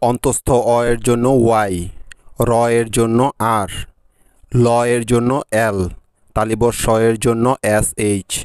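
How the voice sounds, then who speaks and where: A man's voice: medium pitch, a little mellow, clean tone, no room sound, clean studio sound. A man narrating a scripted language lesson, spelling out letters and their sounds one at a time. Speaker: English teacher.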